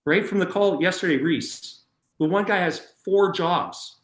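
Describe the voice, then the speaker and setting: A middle-aged man leads a workshop in an energetic, emphatic voice that sits a little high for a man. He repeats words and leans on fillers as he talks. The sound is roomy and echoey. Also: unhurried. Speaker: workshop instructor. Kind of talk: public speaking workshop talk.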